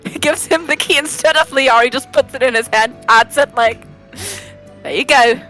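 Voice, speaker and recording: A woman's voice: high voice, fairly quick, bright, forceful tone, soft background music, rough recording. Giggly woman chatting at the game table. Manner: giggly, playful, swears casually. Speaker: player. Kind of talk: casual tabletop game chat.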